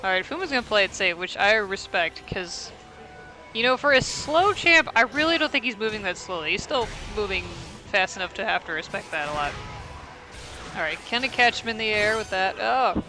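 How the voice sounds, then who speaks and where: Male esports commentator, high bright voice, casual and self-deprecating, faint music behind. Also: lively intonation, moderate pace, rough recording. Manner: rambling, self-deprecating, thinks aloud. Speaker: tournament commentator.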